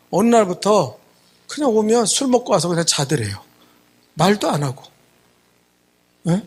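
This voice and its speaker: A man's voice: high voice, husky. A man pastor telling a story in a sermon, acting out the people in it. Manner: animated storytelling, acting out quoted voices. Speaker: senior pastor. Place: church sanctuary.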